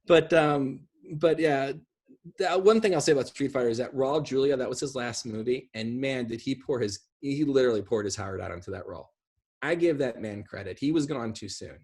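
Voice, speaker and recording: Sitting back from his computer on a home video call, this man in his thirties chats casually about movies in a rambling, emphatic way. His voice is mid-range and a little mellow, at a normal speed.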